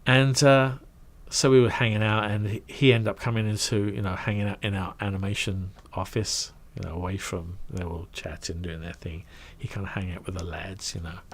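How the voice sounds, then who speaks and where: Brief: middle-aged Englishman, lowish voice, chatty storyteller who acts out the voices he quotes. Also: brisk, hardly any pauses. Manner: animated, acts out quoted voices, trails off into asides. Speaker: guest recounting his career. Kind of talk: casual anecdotal storytelling.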